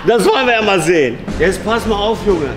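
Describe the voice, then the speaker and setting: A man's voice: high-pitched, expressive, brisk. Theatrical middle-aged man in a roomy hall. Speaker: comic sidekick playing a guard. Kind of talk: playful comedic skit. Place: large workshop hangar indoors. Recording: roomy echo, music behind.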